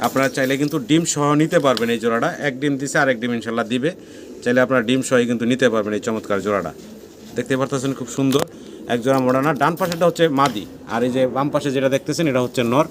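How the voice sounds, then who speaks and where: Rapid-talking Bangladeshi man selling pigeons. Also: mid-range voice. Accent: Bangladeshi Bengali. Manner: rapid patter, repeats prices, frequent blessings. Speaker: pigeon seller channel host. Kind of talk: fast walkthrough sales tour. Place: pigeon farm with cages. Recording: noisy farm recording with pigeons. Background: pigeons cooing.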